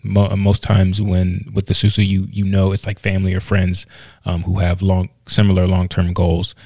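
A man co-hosting a podcast chats casually, laughing easily, restarting sentences often and leaning on fillers. His deep, dark voice is monotone and moves at a moderate pace. No room sound comes through.

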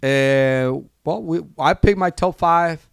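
A man co-hosting a casual collectibles chat show, talking in halting starts, repeating words and laughing easily. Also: fairly high pitch, vocal fry, clean tone, no room sound, clean studio sound. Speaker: podcast co-host.

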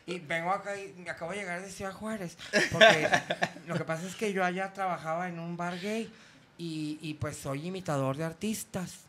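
A man's voice: high voice, steady tone, normal speed, bright, forceful tone, slight background noise. A man voicing a flirty, camp male impersonator with a Mexican accent, coy and sweet-talking. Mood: coaxing.

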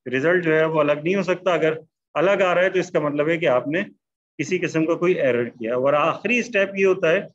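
A slightly high-voiced man, recorded with muffled audio, teaches an online statistics lesson. Writing as he goes, he slowly dictates every sentence word by word.

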